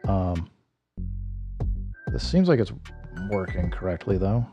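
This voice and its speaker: A man's voice: low-pitched, big pitch swings, takes it slowly, warm tone. A man streaming while he builds a track, thinking aloud and correcting himself, his voice a little worn. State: slightly losing his voice. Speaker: music producer streaming. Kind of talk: casual livestream walkthrough. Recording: music playing behind.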